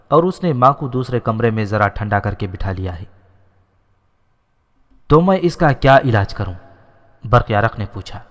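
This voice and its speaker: A man's voice: mid-range voice, fairly bright tone, big-room sound. A man reading a historical story aloud as narrator, voicing the characters' lines in his own voice.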